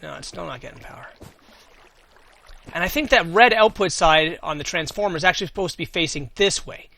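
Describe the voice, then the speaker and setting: A man's voice: fairly high pitch, brisk, gravelly, pushed and bright, no echo. A man giving casual gameplay commentary as host, thinking aloud and answering his own questions as he goes. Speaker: gaming video host.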